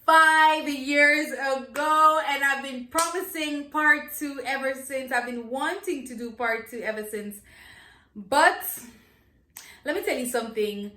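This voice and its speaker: A roomy, echoing recording of a woman with a fairly high voice and a Jamaican accent. She teaches informally, switching between Jamaican Patois and English. Her delivery is conversational and expressive, with phrases repeated for learners. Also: measured pace. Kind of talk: informal language lesson to camera, mixing Jamaican Patois and English. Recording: echoey, roomy sound.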